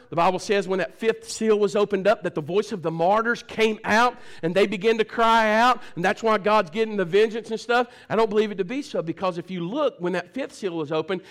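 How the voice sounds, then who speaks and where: High-voiced fervent preacher man. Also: brisk, few pauses. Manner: fervent preaching, calls out to the congregation; swings between shouting and hushed low talk. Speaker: pastor. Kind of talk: sermon. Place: church service.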